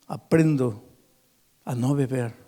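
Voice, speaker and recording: A man's voice: mid-range voice, close to an everyday voice. A man putting on a weeping, ashamed drunk man. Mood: pleading. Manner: pleading, halting, quiet and broken. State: crying. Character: sobbing drunk middle-aged man, ashamed and desperate.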